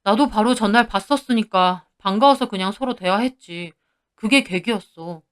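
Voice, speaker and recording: A man's voice: high-pitched, moderate pace, a bit bright, clean tone. Woman voicing a whiny cheating husband, pleading. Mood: defensive. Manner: whiny, defensive excuses.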